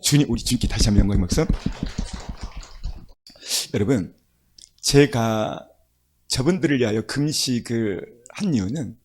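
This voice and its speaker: A man's voice: medium pitch, darkish tone, breathy edge. A male pastor preaching a sermon, telling stories with emphatic, rising exclamations.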